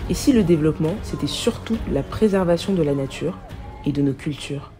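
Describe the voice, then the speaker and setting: A woman host reading calm, reflective voice-over narration for a travel vlog. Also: deep voice, brisk, over music.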